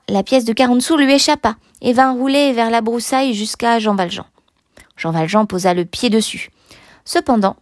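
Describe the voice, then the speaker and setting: Expressive woman reading a classic novel. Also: a little high, no echo, studio quality. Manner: measured, expressive reading, dropping to a near whisper at times. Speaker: audiobook narrator. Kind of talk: scripted narration of a classic novel.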